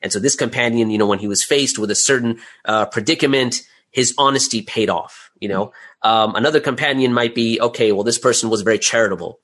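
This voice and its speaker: Speaking fairly quickly at a medium pitch, this man has a slightly bright sound. As a guest in an interview, he explains his creative process one step at a time, chatting casually and asking rhetorical questions as he proceeds.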